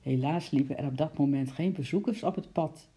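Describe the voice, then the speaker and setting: A woman reading a children's story aloud in a gentle, expressive way. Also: sits low, brisk. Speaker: narrator.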